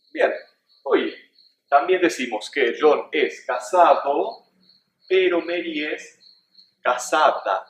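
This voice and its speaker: A man teaching a beginner Spanish lesson, drilling questions and answers slowly and carefully. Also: on the high side, fairly bright tone, roomy sound, low-quality recording. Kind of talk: slow-paced language lesson.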